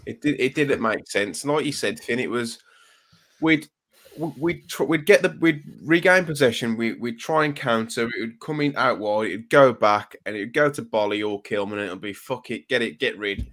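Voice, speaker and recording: A man hosting a casual football podcast in a mid-pitched voice. He vents with exasperation, swears freely and trips over repeated words when worked up. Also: moderate pace, fairly bright tone. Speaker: podcast host.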